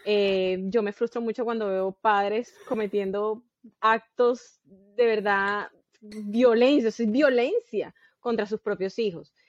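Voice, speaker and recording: A woman's voice: medium pitch, takes it slowly, no room sound. A woman, a podcast guest earnestly explaining parenting through long anecdotes. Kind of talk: casual podcast conversation. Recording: dull, dry sound.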